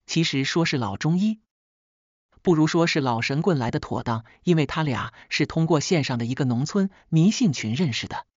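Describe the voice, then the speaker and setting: Husky woman reading a dramatic family story, dry dull lo-fi sound. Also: deep voice, animated, normal speed, darkish tone, dry recording. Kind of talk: first-person scripted narration of a family drama. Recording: slightly dull, dry lo-fi recording.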